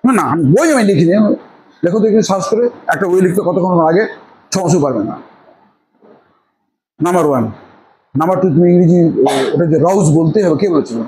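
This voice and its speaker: A man's voice: sits high, a little fast, pauses often, warm tone, slight background noise, poor audio. A middle-aged man tutoring students in an informal lecture. He talks emphatically, repeats words for stress and makes chatty asides. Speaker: English tutor.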